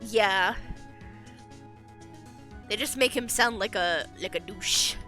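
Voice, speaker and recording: A woman's voice: mid-range voice, slow, sharp tone, faint music behind. A woman giving casual, jokey commentary while playing a game, often tripping over words and laughing at herself. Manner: jokey, self-deprecating, slips over words. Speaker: let's play commentator.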